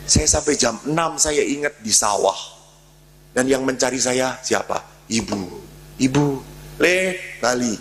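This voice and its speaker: Gravelly priest telling a story. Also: male voice, medium pitch, measured pace, fairly bright tone, slight background noise, low-quality recording. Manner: storytelling with humor, chuckling often. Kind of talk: sermon.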